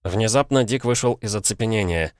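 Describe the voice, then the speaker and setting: A man narrating an audiobook in an even, measured way. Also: fairly low pitch, dry recording, studio quality. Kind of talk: scripted narration.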